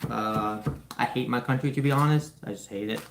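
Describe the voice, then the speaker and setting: Speaking at a fairly quick clip in a mid-range voice, this man from Ukraine streams live from his kitchen on a phone. He chats easily with viewers, says hello, and walks through every cooking step as he chops. Background noise fills the roomy space.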